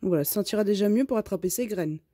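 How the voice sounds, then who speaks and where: A woman talks casually outdoors about her chicken coop and garden, explaining each step in a chatty way full of little tag questions. Her voice is mellow and a bit breathy. The sound is close and dry. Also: medium pitch, fast, dry recording. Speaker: vlogger keeping chickens and a garden.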